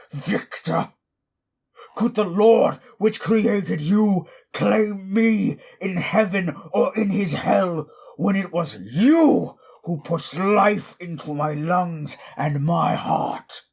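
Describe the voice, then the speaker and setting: A man playing Frankenstein's bitter, anguished monster in a dramatic audio monologue, with a raspy, gravelly voice and theatrical, archaic, deliberate delivery. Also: sits high, full character voice. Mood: anguished rage. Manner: slow, deliberate, theatrical, archaic formal diction. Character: Frankenstein's monster, bitter, anguished, wrathful abandoned male creation.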